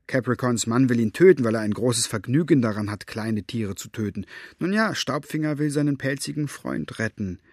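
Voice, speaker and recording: A man voicing an excitable elderly author who is vain about his characters and rambles about them. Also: medium pitch, normal speed, dry recording, studio quality. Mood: animated. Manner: animated, self-satisfied rambling. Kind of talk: audiobook character voice.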